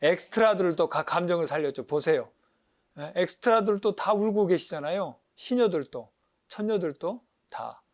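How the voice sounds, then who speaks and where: A man, a Buddhist monk, giving a lively lecture on paintings, acting out sounds and asking his listeners questions. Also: high-pitched, moderate pace. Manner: animated, acts out crying animals, asks audience questions.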